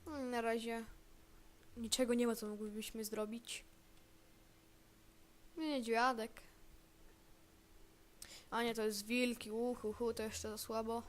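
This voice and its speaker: A woman's voice: a little high, steady tone, slow pace, pauses often. A woman giving casual gameplay commentary, chatty and thinking aloud as she plays. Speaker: gamer.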